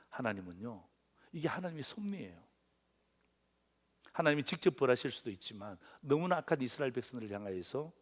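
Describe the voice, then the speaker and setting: Man, pastor, middle-aged, sermon, high voice, very expressive pitch, questions to the congregation. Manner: animated preaching, asks the congregation questions; acts out dialogues in different voices.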